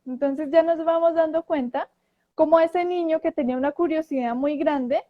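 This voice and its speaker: A woman telling a story in casual talk, animated and acting out quoted voices, with frequent restarts. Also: high voice, moderate pace. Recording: dull lo-fi audio.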